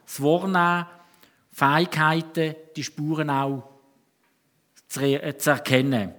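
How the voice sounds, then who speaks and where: Brief: Swiss German male preacher, somewhat high-pitched, chatty sermon delivery with restarts. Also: fairly even intonation, unhurried, fairly bright tone. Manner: conversational storytelling, with frequent restarts.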